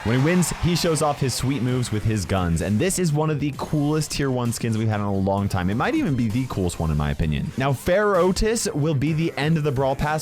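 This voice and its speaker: A man's voice: medium pitch, a little mellow. A man hosting a casual gaming news video, emphatic and conversational, often checking in with tag questions.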